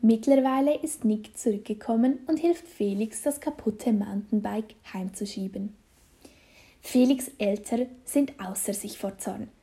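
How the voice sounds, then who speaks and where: A woman reading a children's story aloud, slow and deliberate. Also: medium pitch, mellow.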